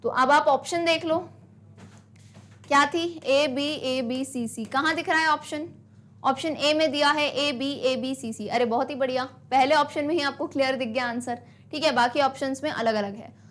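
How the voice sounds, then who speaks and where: A young woman with a high voice teaches an online exam-prep lesson. She talks briskly and encouragingly, mixing Hindi and English, and slows right down to read English lines aloud. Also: fairly bright tone. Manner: brisk, encouraging, calls students "beta"; switches between Hindi and English, reads English lines slowly.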